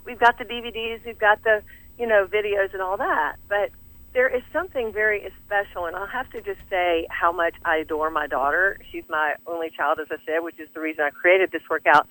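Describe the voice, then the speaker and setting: A woman's voice: mid-range voice, brisk, fairly bright tone, no room sound, rough recording. A middle-aged woman with a Southern US accent, talking energetically as a fitness studio owner in an interview, laughing often. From American South. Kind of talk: enthusiastic interview talk.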